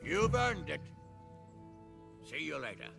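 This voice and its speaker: An actor playing a gracious medieval nobleman in a video game, speaking gravelly, measured, brief lines. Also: a little high, sing-song, exaggerated voice. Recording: music clearly behind the voice.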